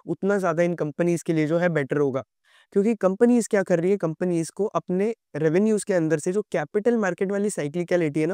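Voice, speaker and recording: Young male finance explainer, rapid and casual, a bit hoarse today, close dry sound. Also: on the high side, a little mellow, no room sound. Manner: conversational, addresses viewer directly. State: sore throat. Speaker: stock market educator.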